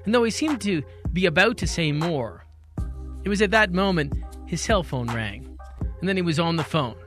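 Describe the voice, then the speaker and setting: A radio host telling a first-person story in a wry, measured, scripted way. His voice sits a bit high for a man, and soft music plays faintly beneath. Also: lively intonation.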